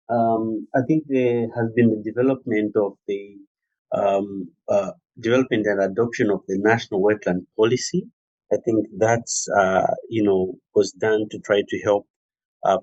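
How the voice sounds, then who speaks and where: A man giving a formal, measured submission in an online webinar, with hesitant phrasing. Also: on the low side, a little mellow, no room sound. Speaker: workshop participant. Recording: dull, dry online call audio.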